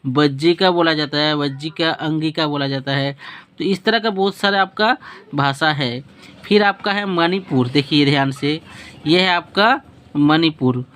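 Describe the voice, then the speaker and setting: Here a man teaches a lesson aloud with a map, his voice fairly bright and on the high side. He quizzes himself by asking questions and answering them, repeats words, and catches his own slips.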